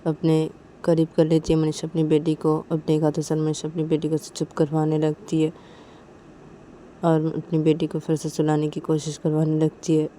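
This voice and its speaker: A woman narrating a story in a casual, repetitive way, her voice low and mellow. Faint hiss runs behind her. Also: monotone, normal speed. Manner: plain, repetitive retelling.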